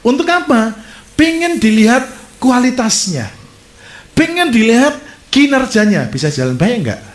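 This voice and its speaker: A man preaching a sermon as a pastor, telling stories with lively gestures and speaking straight to his congregation. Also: extremely high pitch, a little slow. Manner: animated storytelling preacher, addresses audience directly. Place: church. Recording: echoey church hall.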